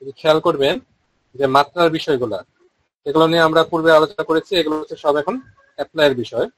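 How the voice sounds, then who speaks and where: Bengali-accented male teacher, fairly high voice, chants syllables slowly and steadily, dry close sound. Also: dry recording, poor audio. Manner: explains quickly, then chants syllables slowly and drawn out. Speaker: Vedic recitation teacher. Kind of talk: online pronunciation lesson.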